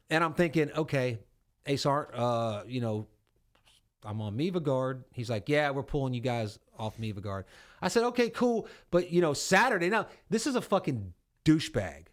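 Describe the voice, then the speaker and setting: Middle-aged veteran guy rambling through army stories, swears a lot, casual podcast talk. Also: mid-range voice. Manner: profane, rambling anecdotes with acted-out quotes. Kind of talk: casual storytelling chat.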